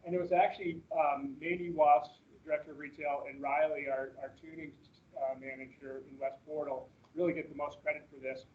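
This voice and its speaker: A man's voice: fairly high pitch, level tone, fairly quick. A man presenting slides at a staff orientation on a video call, talking casually and rambling with fillers and restarts. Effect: heard through a video-call meeting recording. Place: meeting room with people present. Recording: dull lo-fi meeting-call audio.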